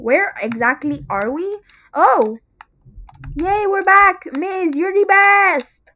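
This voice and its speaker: Excitable gamer, squeaky high voice, casual co-op commentary, muffled low-quality mic. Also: takes it slowly, a little hiss or hum. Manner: excitable, calls out to teammates. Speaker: gamer playing with friends. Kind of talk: casual let's-play commentary.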